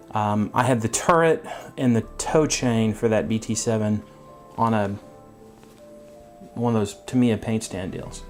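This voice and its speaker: A man giving a casual update on his scale model hobby channel, talking in a relaxed, rambling way with lots of ums and uhs from his workbench. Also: lowish voice.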